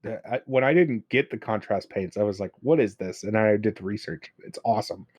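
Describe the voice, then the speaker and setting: A man co-hosting a casual podcast, speaking in an easygoing way with quick stumbles and restarts. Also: lowish voice, darkish tone, dry recording. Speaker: podcast co-host.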